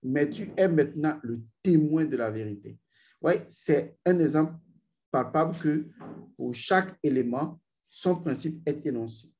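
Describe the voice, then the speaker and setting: A man with a slightly high but mellow, warm voice gives ritual instruction. He speaks slowly and deliberately, often stopping to intone long vowel sounds and asking his students if they follow. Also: animated. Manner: addresses learners directly, repeats "vous voyez". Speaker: spiritual teacher.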